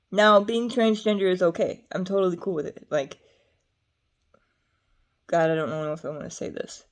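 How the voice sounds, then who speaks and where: A young adult woman vlogging to camera in a rambling, chatty way, drifting between topics with frequent fillers. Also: lowish voice. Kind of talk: casual talk to camera.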